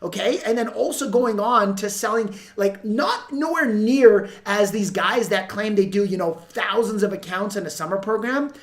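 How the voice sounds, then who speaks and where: A woman's voice: medium pitch, normal speed, few pauses. A woman giving unscripted instructional commentary to viewers as a sales coach, emphatic and repeating key points. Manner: emphatic, repeats points, acts out example dialogue. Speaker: sales coach and video host.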